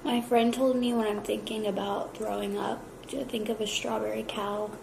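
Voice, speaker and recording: A woman's voice: mid-range voice, little pitch movement, normal speed, creaky, echoey room, noisy background. A young woman vlogging casually at home, chatty and full of fillers, nauseous and tired. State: nauseous, worn out. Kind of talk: casual vlog chat. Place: home kitchen.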